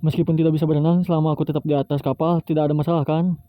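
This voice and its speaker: A man's voice: a little high, level tone, racing, warm tone, dry recording, voice pushed up, lightly acted. A man doing an eager boastful boy pirate-to-be. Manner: stubborn, boastful. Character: eager young boy dreaming of piracy. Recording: tinny phone-like, dry.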